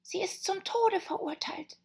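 A woman's voice: high voice, very animated, very slow, creaky, slightly rough, voice pushed up, exaggerated voice. Woman doing a timid whispering rabbit. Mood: anxious. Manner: stammering, hushed and fearful.

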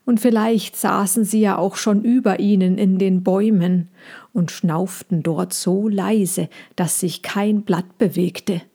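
Woman narrator, storybook reading, slow and hushed, mellow tone. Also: mid-range voice, fairly even intonation, breathy edge.

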